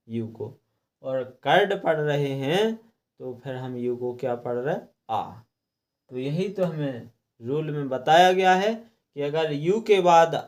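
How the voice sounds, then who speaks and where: A man's voice: on the high side, a little mellow. A middle-aged man teaching a lesson, repeating rules and asking questions that he then answers himself. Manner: repetitive, asks and answers his own questions. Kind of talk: classroom lesson explaining English pronunciation rules.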